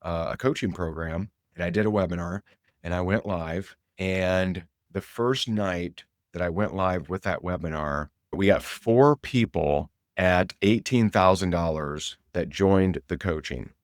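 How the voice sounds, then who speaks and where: Middle-aged male sales coach, deep voice, energetic and emphatic, dry recording. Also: unhurried, no room sound. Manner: energetic, emphatic, repeats key points; casual, conversational storytelling. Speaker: sales coach and show host. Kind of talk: motivational sales talk.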